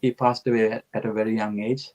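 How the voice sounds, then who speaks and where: A man's voice: fairly low pitch, level tone, quick pace, darkish tone, highs cut off. Earnest Sri man recalling his life. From Sri Lanka. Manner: earnest, reflective storytelling. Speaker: guest. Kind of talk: conversational interview answers.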